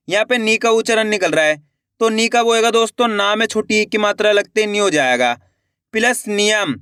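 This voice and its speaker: A man teaching spelling slowly and patiently, asking the viewer questions, repeating each word and dropping low as he finishes it. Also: sharp tone, clean tone, no room sound, clean studio sound. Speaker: Hindi writing teacher. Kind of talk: slow, patient spelling lesson.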